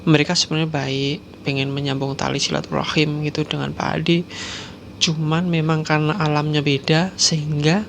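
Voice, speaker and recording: A man's voice: a little high, level tone, moderate pace, gravelly, a bit bright, a little hiss or hum. A man telling a horror story and talking directly to his listeners, often dropping to a whisper. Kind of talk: spoken horror story narration.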